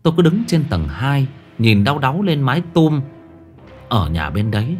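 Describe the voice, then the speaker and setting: A man's voice: medium pitch, big pitch swings, normal speed, darkish tone. A man narrating a first-person horror story in a dramatic, tense way. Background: faint music.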